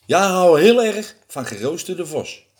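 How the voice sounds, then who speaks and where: Man doing a cheeky boastful storybook mouse, bright, lively voice, unhurried. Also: sits high, breathy edge, voice pushed up, full character voice. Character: small clever boastful mouse.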